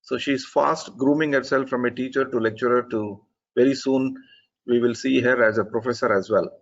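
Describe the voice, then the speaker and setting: A man's voice: medium pitch, fairly even intonation, moderate pace, lo-fi sound. Man giving earnest feedback over a call. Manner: earnest, methodical critique with frequent restarts. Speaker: presentation evaluator. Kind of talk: spoken feedback on an online talk.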